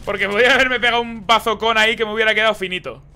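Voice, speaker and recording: A man doing live gameplay commentary as a streamer, excitable and swearing as he reacts to the game. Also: high voice, very fast, clear, resonant tone. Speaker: gaming streamer.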